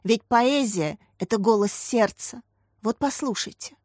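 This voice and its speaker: A woman's voice: fairly high pitch, a little slow, a little mellow, dry recording, clean studio sound. A woman voicing an eager, heartfelt young female teacher who recites poetry with emotion. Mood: earnest. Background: faint music.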